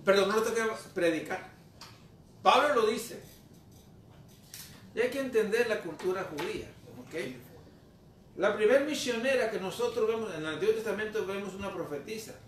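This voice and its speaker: High-voiced man preaching in an echoey church. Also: moderate pace, long pauses. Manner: preaches with rhetorical questions and sudden loud swings. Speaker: pastor. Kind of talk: sermon. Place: church sanctuary. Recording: echoey church room, mic far off, faint background noise.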